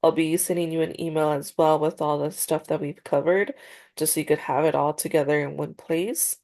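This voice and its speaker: Over a video call, a woman plays a counselor in a role-played therapy practice session, sounding congested and a little nasal, hesitant, with many fillers and restarts. Her voice sits low with fairly even intonation, slightly fast and slightly mellow.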